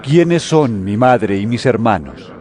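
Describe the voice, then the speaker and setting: An actor playing Jesus as a calm, authoritative teacher, speaking solemnly and deliberately in a dramatized audio Bible. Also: male voice, fairly low pitch, a crowd in the background. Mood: gentle, firm. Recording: music under the voice.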